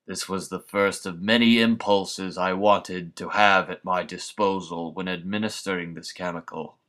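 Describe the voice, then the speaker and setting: A man's voice: sits low, fairly even intonation, fairly bright tone. A man voicing a menacing scarecrow villain, a sadistic, grandiose mad scientist delivering a theatrical, pompous monologue. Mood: gloating, clinical. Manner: menacing scarecrow voice, slow, pompous, florid and deliberate.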